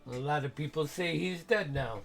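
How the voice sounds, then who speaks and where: A man playing a menacing, suspicious guard who questions intruders with measured, sarcastically polite threats. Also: fairly high pitch, creaky, a bit bright, soft background music. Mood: coolly menacing.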